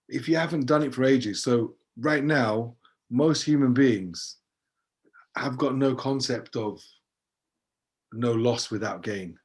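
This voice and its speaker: A man's voice: mid-range voice, a little mellow. Emphatic man coaching. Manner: emphatic, rhetorical, motivational. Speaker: interviewer and coach. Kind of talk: conversational interview.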